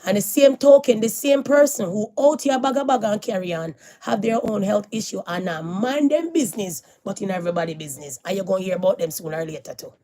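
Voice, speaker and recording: A middle-aged woman, speaking straight to her viewers. Her voice sits in a medium pitch. She moralizes and repeats lines for weight, then swings from loud declarations to low, hushed warnings. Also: fast, few pauses. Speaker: vlogger. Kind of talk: casual preachy monologue to viewers.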